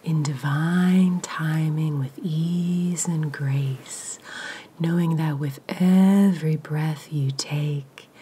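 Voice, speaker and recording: Woman meditation guide, whispered throughout, low and mellow, very slow delivery. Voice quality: whispering, breathy. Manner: soft, slow, soothing pauses.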